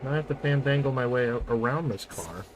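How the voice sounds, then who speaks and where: A man's voice: medium pitch, fast talker, a little hiss or hum, rough recording. A man streaming a train game, chatting casually in a jokey, self-mocking way and laughing often. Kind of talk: casual gameplay chat.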